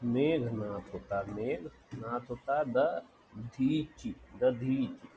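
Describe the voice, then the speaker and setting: Very slow, deliberate male teacher. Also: mid-range voice, dull audio, a little hiss or hum. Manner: repeats each word slowly and deliberately. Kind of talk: spelling lesson, slow dictation of words.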